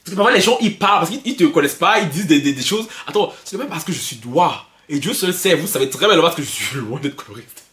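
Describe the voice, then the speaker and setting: A young man from Belgium giving animated gossip commentary as a YouTuber, excitable and mocking, laughing often and stumbling over restarts. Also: on the high side, fast talker, reverberant. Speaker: YouTuber commenting on pop culture.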